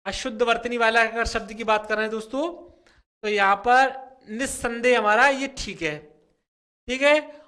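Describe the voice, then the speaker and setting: High, bright-voiced male exam teacher. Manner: repeats words slowly and drawn out, fills with "theek hai". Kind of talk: explaining spelling questions from a whiteboard.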